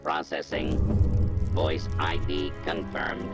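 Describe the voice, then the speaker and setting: A man voicing a cold male computer security system in a video game, giving terse, clipped announcements in a monotone computer voice. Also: very deep voice, slow pace, gravelly, over loud music, heavily acted. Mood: flat.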